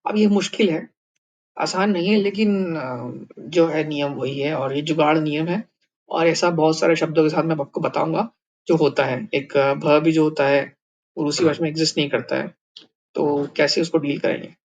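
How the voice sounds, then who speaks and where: A man's voice: a little high, steady tone, moderate pace. Male teacher from India, patient step-by-step lesson, muffled dull audio. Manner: thinking aloud with many fillers and restarts. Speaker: language teacher. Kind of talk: explaining a writing lesson.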